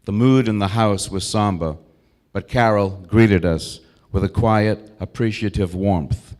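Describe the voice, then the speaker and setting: A man in his sixties with an American accent delivers a prepared eulogy. His voice sits a little low. He tells his memories reflectively, in short, deliberate phrases. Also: darkish tone. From Brookline, Massachusetts, United States. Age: 60s. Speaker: eulogist, old school friend of the deceased.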